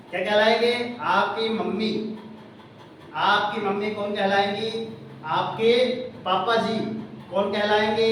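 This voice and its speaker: A man's voice: sits high, fairly bright tone, slight background noise. A man tutoring a class in English, spelling words out letter by letter and quizzing his students. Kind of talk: classroom teaching. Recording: echoey room recorded from a distance.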